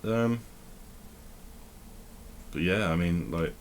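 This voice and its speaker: A tech vlogger with a low voice speaks extremely slowly while playing a game, rambling casually, thinking out loud and often correcting himself. There's slight background noise.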